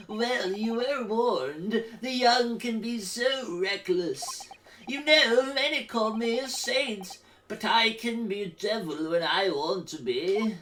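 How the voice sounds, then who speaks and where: A man plays a smug game prosecutor with a high, unhurried delivery. The manner is silky and condescending, with quiet menace. It sounds slightly away from the mic over faint music. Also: distant mic, a little hiss or hum, heavily acted, low-quality recording. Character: smug, menacing, saintly-seeming courtroom prosecutor.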